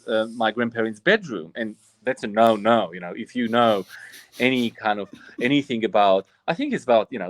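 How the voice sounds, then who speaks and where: A man's voice: medium pitch, no echo. A man of about forty, from Bosnia, an Orthodox priest telling his story earnestly as a guest, often restarting his sentences. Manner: earnest and reflective, frequent restarts. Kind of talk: personal storytelling in interview.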